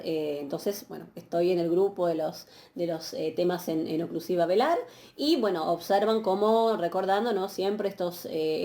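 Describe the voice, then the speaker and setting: A woman giving a patient, explanatory university lecture, often pausing on fillers and checking questions. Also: on the low side, warm tone. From Argentina. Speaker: university Greek teacher. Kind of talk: recorded online lecture.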